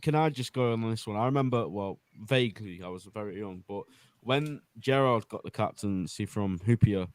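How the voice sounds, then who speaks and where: A man's voice: lowish voice, normal speed, dry recording. A man, hosting an enthusiastic casual football podcast chat. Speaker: podcast host.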